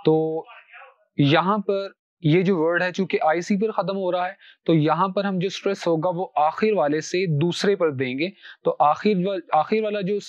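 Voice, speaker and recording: A man teaching word stress in Urdu. He explains each rule, then says every example word twice, slowly and carefully. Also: high-pitched, no room sound, dull audio. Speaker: English pronunciation teacher. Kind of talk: recorded lecture.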